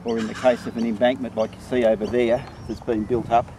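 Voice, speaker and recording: The man's mid-range voice has a dark tone, little pitch movement and a quick pace. A rabbit control trapper and trainer, he gives an informal, practical explanation of the job outdoors on rural land, recorded clearly with rural background noise.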